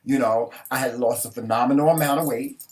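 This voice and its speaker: A man's voice: medium pitch, a little fast. A man co-hosting a talk show, telling a personal story casually and emphatically, with frequent swearing. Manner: candid, emphatic storytelling with profanity. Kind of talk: casual chat.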